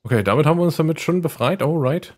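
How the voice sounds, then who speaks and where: A man streaming a game and commenting casually, thinking aloud in a relaxed way. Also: on the high side, racing.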